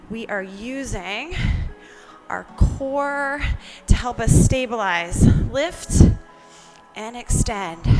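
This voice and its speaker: A woman with a slightly high, darkish voice leads a workout, encouraging her class and counting down cues. She exercises along as she talks, and the exertion comes through in her speech.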